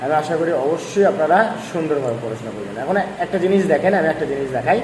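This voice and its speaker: A man's voice: fairly high pitch, expressive, very fast. A male language teacher explaining a lesson patiently, repeating points and urging his students to practice. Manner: repetitive, coaxing explainer. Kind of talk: online lesson. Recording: echoey room, faint noise.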